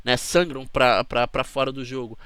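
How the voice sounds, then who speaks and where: A man's voice: mid-range voice, steady tone, normal speed, sharp tone, clear, resonant tone, no echo. A man with a Brazilian Portuguese accent, hosting his channel in a chatty, rambling talk to camera that keeps checking in with the listener. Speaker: channel host.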